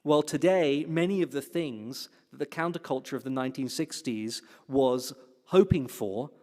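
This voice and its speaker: A man addresses an audience in a large hall, his voice trailing into long reverb. He talks in a lively, playful way and keeps turning questions to the room. His voice sits at an ordinary middle pitch. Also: moderate pace. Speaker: platform speaker. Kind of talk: lecture-style address to a congregation.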